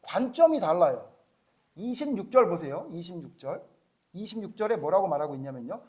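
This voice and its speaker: High-voiced Korean pastor preaching forcefully. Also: male voice, sing-song, a little fast. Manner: confrontational, rhetorical questions, swings between loud emphasis and hushed asides. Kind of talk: sermon.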